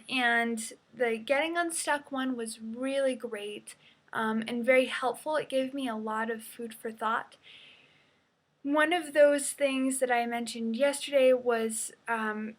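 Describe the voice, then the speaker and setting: A woman's voice: fairly high pitch, a bit bright. A young woman talking casually in a video diary at home, hesitant with many ums and small self-conscious laughs. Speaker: vlogger.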